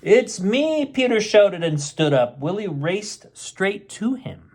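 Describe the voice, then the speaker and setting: A husky, darkish voice that sits high and stays animated, moving at a slow pace. It belongs to a middle-aged man who hosts a bedtime story show, reading a picture book aloud with playful, chatty asides aimed at kids.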